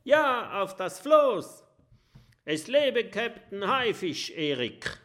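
A rowdy gang of pirates from a children's storybook shouts and jeers, as a man puts them on. The cries come out high-pitched and loud, swinging wildly. They sound unruly and gleeful. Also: big pitch swings, slow, heavily acted. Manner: shouting and jeering. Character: rowdy crowd of male pirates.

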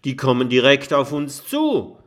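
A man voicing a young female porcupine in a children's audiobook, fearful and sharp-tongued. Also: mid-range voice, very animated, a little slow, voice pushed up. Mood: alarmed.

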